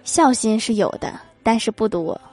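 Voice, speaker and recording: A woman's voice: on the high side, lively intonation, normal speed, a little mellow. A woman hosting a comedy show, reading funny anecdotes aloud with acted quotes and chuckling at her own punchlines. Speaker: host.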